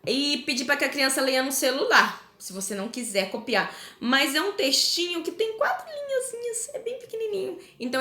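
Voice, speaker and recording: A woman's voice: fairly high pitch, a bit bright. A woman teacher with a Brazilian Portuguese accent, talking parents through the week's homework in a chatty way, often checking in with little tag questions. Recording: echoey room.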